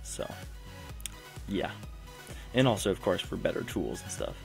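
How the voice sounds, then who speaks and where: With a deep, sing-song voice, vocal fry and a measured pace, a young gaming channel host chats through his gameplay from a room at home. He tends to interrupt himself, and faint music runs underneath.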